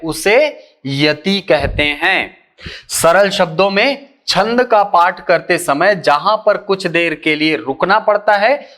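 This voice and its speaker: A man giving an exam-prep lecture who keeps asking rhetorical questions and answering them himself, slowly stretching the key terms. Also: high-pitched, a bit bright. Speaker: teacher.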